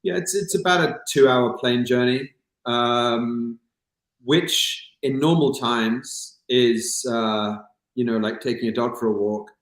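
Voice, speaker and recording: A man's voice: medium pitch, slow pace, fairly bright tone. Hesitant man on an echoey video call. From England. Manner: hesitant, many fillers and restarts. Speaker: guest, kidney recipient. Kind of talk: casual interview chat.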